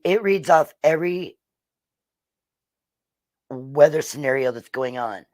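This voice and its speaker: Slow, slightly hoarse weather host. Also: medium pitch, darkish tone, no echo. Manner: slow, halting, frequent ums and throat clearing. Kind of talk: casual livestream explainer.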